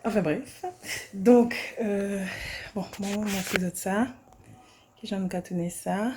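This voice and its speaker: A woman's voice: medium pitch, slow, background noise. A young woman vlogging casually with a handheld phone in a small apartment, chatting with frequent hesitations and repeated words. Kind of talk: casual self-filmed vlog chat.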